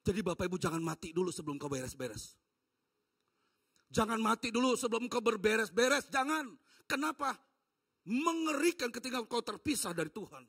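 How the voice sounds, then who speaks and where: A man preaching a sermon as a pastor, dramatic, with rhetorical questions put to the congregation and sudden drops to a soft low voice. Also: breathy edge. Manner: dramatic, shifting from loud exhortation to low soft-spoken voicing of God. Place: church.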